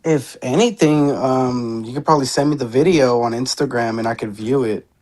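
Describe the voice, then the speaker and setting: A man in his twenties, a comedian who is the guest, chatting casually over a video call with short, relaxed replies. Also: medium pitch, normal speed. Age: 20s. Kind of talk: casual online chat.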